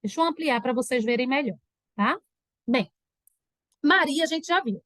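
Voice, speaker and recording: A woman teacher giving an online grammar lesson, animated and acting out her students' questions. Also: high voice, normal speed, no echo, clean studio sound.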